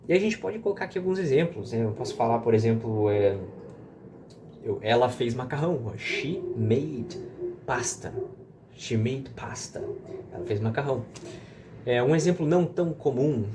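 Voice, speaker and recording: A man's voice: mid-range voice, mellow, slight background noise. A man explaining English verbs in a casual lesson, often repeating example sentences and checking in with "né?". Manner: fillers like "né?" and "tá?". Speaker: English teacher.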